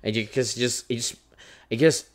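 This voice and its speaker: A man's voice: mid-range voice, steady tone, normal speed. Laid-back young man in bar banter. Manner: laid-back banter with frequent restarts and swearing. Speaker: podcast co-host. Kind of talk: casual chat over beers.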